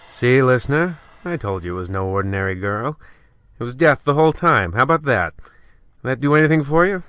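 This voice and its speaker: A man with a medium-pitched, bright, smooth voice and lively, brisk delivery plays the smug host and narrator of an old-time horror radio anthology. Lightly acted and recorded without echo, he rambles hammily, bumbling along and thoroughly pleased with himself.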